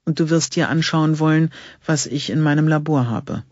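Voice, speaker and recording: A man reading the part of an eager, secretive male archaeologist in an audiobook, with a husky voice. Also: fairly high pitch, moderate pace, darkish tone, no echo, lightly acted. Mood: urging. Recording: dull lo-fi recording.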